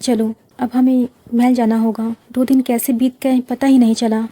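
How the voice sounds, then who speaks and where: A shy, troubled young princess who talks softly and hesitantly, as a woman storyteller reads her lines. The voice sits fairly high but stays level, with a warm, mellow tone and a dry sound close to the mic. This is an audio storybook. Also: flat delivery, moderate pace, no room sound, lightly acted. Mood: confiding.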